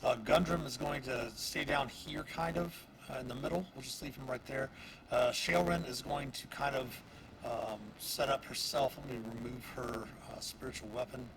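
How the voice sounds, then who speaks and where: A man narrating as dungeon master of a tabletop game, halting with many fillers. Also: mid-range voice, vocal fry. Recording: noisy stream audio.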